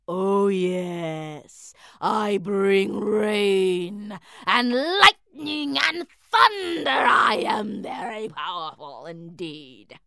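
A huge, blustering storm cloud, voiced by a woman telling a story, loud and boastful with slow, heavy words. The voice rises and falls widely as it brags of its might. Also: medium pitch, very animated, gravelly, dry recording, exaggerated voice. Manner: loud, boastful, hesitant when cornered.

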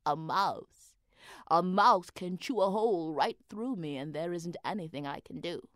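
A woman voicing a great stone wall, low, slow and heavy. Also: fairly bright tone, dry recording, clean studio sound. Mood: stolid.

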